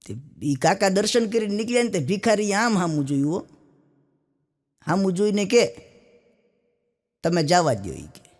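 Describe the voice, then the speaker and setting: A man's voice: sits high, a little mellow. A man from Saurashtra telling stand-up jokes, with a Saurashtra Gujarati accent and a folksy storytelling style. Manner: folksy storytelling with punchline asides. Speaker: stand-up comedian. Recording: long hall reverb.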